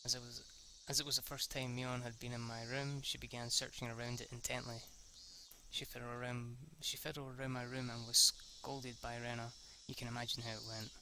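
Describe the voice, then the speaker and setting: A young man reads a visual novel aloud in a casual let's-read, stumbling and restarting lines and swearing at his slips. His voice is medium-pitched with a flat delivery, and the background is noisy.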